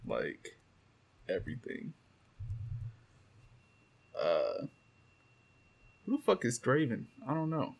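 A man's voice: mid-range voice, wildly swooping pitch, slow, creaky, pauses often, slightly rough. A man co-hosting a podcast in loose, profane casual chat, often reading quotes aloud. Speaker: podcast co-host.

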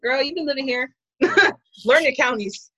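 A woman's voice: high voice, normal speed, sharp tone, no echo. A young woman with a Maryland accent, co-hosting a podcast in casual chat, playful and teasing with lots of slang. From Maryland, USA. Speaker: podcast co-host.

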